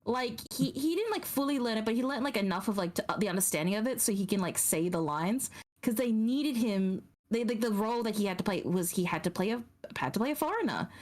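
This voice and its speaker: A woman's voice: on the high side, expressive, quick pace, darkish tone. A woman streamer in casual chat, telling things in a rambling, giggly way.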